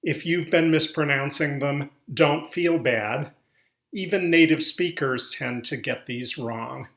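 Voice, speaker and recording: A man narrates a scripted language lesson at an unhurried pace. His voice has a gravelly edge, and his delivery stays dry and measured. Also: fairly high pitch, fairly bright tone. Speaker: English pronunciation narrator.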